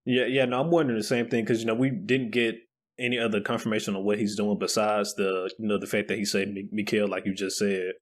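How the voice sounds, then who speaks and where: A man's voice: fairly low pitch, flat delivery, quick pace. A man co-hosting a casual anime podcast, recapping episodes with hype, swearing and laughing. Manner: hyped, boastful, laughs and swears. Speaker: podcast co-host. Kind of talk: casual anime review chat.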